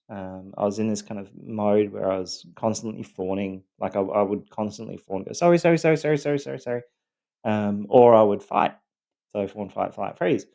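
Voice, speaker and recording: Man, lowish voice, personal vlog, halting, earnest, lots of fillers. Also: mellow. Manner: halting, with many pauses and "um" fillers; earnest, explaining. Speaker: survivor telling his own story. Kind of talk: loosely scripted personal vlog.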